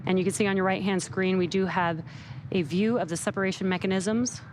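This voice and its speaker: A woman's voice: medium pitch, fairly even intonation, a little fast, background noise. A woman hosting a live launch webcast, explaining technical terms plainly as she commentates.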